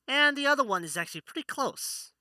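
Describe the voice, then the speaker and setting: A man's voice: very high-pitched, animated, quick pace, sharp tone, voice pushed up, full character voice. A man voicing a friendly female half-elf bard in a tabletop game, with a teasing, secretive manner.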